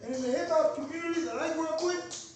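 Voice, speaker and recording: A man from Queens with a Queens New York accent, delivering an animated, profane comedic rant in punchy, repeated phrases and rhetorical questions. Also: extremely high pitch, quick pace, slight background noise. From Queens, New York, USA. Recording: very echoey room, distant mic.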